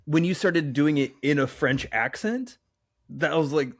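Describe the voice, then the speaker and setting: A man's voice: fairly high pitch, expressive, measured pace. A man co-hosting a podcast in casual chat, teasing and laughing often, with some swearing. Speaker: podcast co-host.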